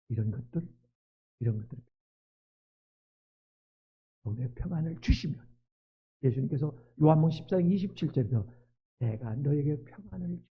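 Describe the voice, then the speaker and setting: A male pastor preaching a sermon, moving from hushed pleading to loud, fervent cries. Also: medium pitch, husky. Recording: tinny phone-like sound.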